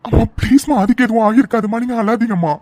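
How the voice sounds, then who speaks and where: A woman voicing a gentle young man in a cartoon, pleading and reassuring. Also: fairly high pitch, steady tone, racing, dry recording, clean studio sound, voice pushed down, close to an everyday voice. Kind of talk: cartoon voice acting.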